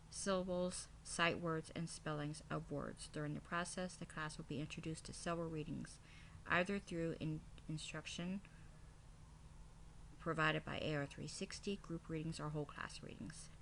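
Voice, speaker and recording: Female teacher, low voice, scripted classroom presentation delivered item by item, slightly noisy home-made recording. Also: a bit bright. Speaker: kindergarten teacher. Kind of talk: scripted presentation, reading out a lesson plan.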